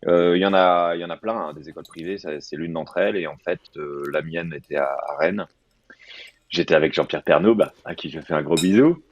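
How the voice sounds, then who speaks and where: A deep-voiced man in his thirties, an advertising director, talks a little fast as a guest in a casual remote interview. He rambles and jokes over a video call, and the call audio is slightly dull and lo-fi.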